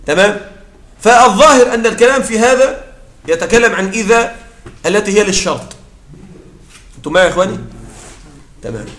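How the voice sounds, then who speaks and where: Male grammar teacher, high-ish voice, patient explainer with halting restarts, echoey room. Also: animated, a bit bright. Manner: explanatory, checks in with listeners often; halting restarts mid-word. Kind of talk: Arabic grammar lecture.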